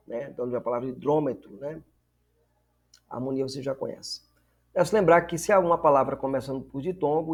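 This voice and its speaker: A man's voice: medium pitch, gravelly, breathy edge. A man teaching a lesson, explaining step by step and often checking in with "né?" and "tá vendo?". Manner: explanatory, repeats words and asks "né?" and "tá vendo?" often. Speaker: Greek teacher. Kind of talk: recorded lesson.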